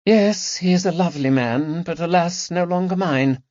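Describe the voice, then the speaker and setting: A male narrator raises his voice high and loud to play a theatrical, tremulous aristocratic woman in her forties whose lines climb with bitter distress. He delivers it as a full character voice, very animated and a little slow. The recording is dry, slightly dull, with no echo.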